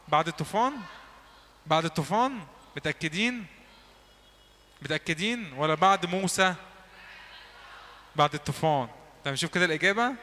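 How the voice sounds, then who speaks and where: A man with an Egyptian Arabic accent teaching a church class, quizzing the listeners and repeating words slowly so they echo them back. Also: on the high side, sharp tone, slight background noise. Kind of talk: lively classroom teaching with drills. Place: church hall.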